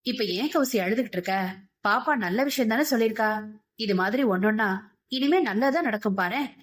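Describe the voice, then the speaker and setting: A woman voicing a gentle middle-aged husband and father who talks in a soft, coaxing, pleading way. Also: a little high, normal speed, natural voice.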